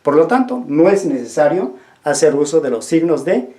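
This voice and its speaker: A teacher explains a language lesson in a mellow, warm voice that swings up and down with emphasis. The teacher checks understanding with questions to the class and restates each point. The recording carries a noticeable roomy echo. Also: mid-range voice, very animated, normal speed. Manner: asks the class questions and repeats key points.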